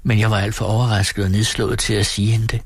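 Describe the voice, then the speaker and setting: A man with a low, husky voice reads a classic novel aloud on late-night radio. He tells the story in a calm, measured way from a studio. The sound is dry and close, with no room around it. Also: dry recording. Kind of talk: read-aloud literary narration.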